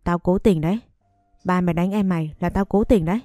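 A woman's voice: lowish voice, brisk, mellow, no room sound, clean studio sound, faint music behind, close to an everyday voice. A woman reading the lines of a wronged young woman in an audio story, pleading and accusing. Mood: bitter.

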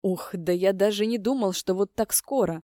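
A woman's voice: medium pitch, moderate pace, mellow, dry recording, clean studio sound, natural voice. A woman voicing a stubborn, anxious young man who is about to become a father. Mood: overjoyed.

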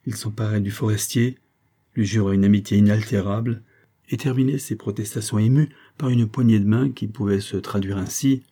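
A man reading a classic novel aloud in measured, even storytelling. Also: lowish voice, breathy edge. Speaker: audiobook reader. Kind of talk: scripted narration of a classic novel.

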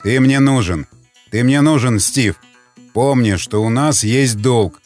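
A man's voice: mid-range voice, takes it slowly, a little mellow, soft background music, lightly acted. A man voicing a stern male aircraft commander giving firm orders. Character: stern middle-aged male bomber commander.

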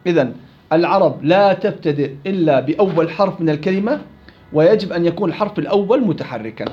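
A man's voice: a little high, lively intonation, quick pace, highs cut off. A man teaching Quran recitation rules in a classroom lecture, explaining rules and quizzing his students.

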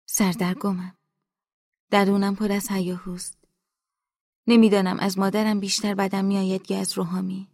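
A woman reads a novel aloud in a soft, hushed, inward voice, often dropping near a whisper. Her pitch is in the middle and the studio sound is dry and close, with no room around her. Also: flat delivery, long pauses, dry recording. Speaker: audiobook narrator. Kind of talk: scripted audiobook narration.

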